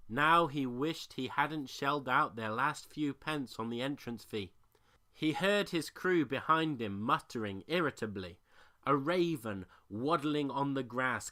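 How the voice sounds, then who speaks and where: Storybook narrator, bright voice, lively, plain pitch. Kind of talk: storybook reading.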